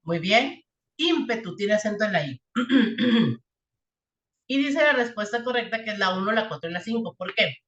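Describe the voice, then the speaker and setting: A woman's voice: mid-range voice, expressive, moderate pace, long pauses, fairly bright tone, lo-fi sound. Echoey woman teacher explaining math. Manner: explains step by step, checks in with "¿ok?" and "¿sí?". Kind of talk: classroom math and physics lesson. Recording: echoey room.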